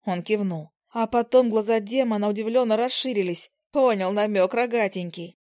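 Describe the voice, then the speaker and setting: A woman reading a lively first-person audiobook, playful and expressive. Her voice is mellow and the recording is dry and close. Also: mid-range voice, normal speed, no echo. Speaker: audiobook narrator.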